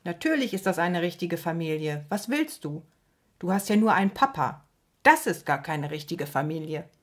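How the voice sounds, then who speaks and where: A woman's voice: mid-range voice, very animated, measured pace, a little mellow, breathy edge, voice pushed up. A woman reading aloud, voicing a curious, proud young boy in a storybook. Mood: indignant. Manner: earnest, indignant when challenged.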